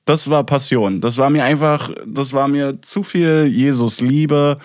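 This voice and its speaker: A man hosting a podcast in casual chat, animated and rambling, with many restarts and fillers. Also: mid-range voice, unhurried, no room sound, clean studio sound. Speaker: podcast host.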